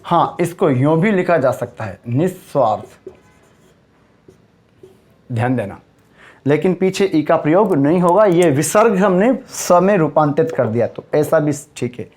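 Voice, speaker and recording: A male teacher giving a spelling lesson to exam students, slowly repeating each word for emphasis. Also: fairly high pitch, expressive, a little mellow. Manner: slow, repeats words for emphasis.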